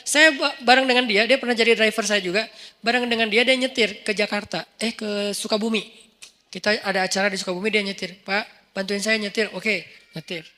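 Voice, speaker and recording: A man preaching in a casual, storytelling sermon, acting out dialogue with sudden jumps in pitch. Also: fairly even intonation, brisk, pushed and bright. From Indonesia.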